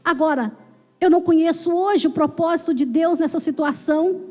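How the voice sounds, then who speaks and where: A Brazilian Portuguese-accented woman pastor preaches with emphatic repetition, her high but mellow voice carrying through a reverberant church hall. Soft music runs beneath her words. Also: normal speed. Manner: emphatic preaching with repeated phrases and calls of amen. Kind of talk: sermon. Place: church sanctuary.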